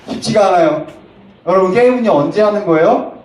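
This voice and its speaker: A man preaching a sermon to middle schoolers as a youth pastor, with sudden loud emphatic rises. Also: high-pitched, expressive, normal speed, a little hiss or hum. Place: church sanctuary. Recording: echoey hall from a distance.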